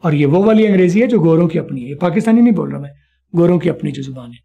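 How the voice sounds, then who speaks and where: A man teaching spoken English in an online class, repeating each sound slowly for his students. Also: fairly high pitch, expressive, creaky, mellow, muffled recording.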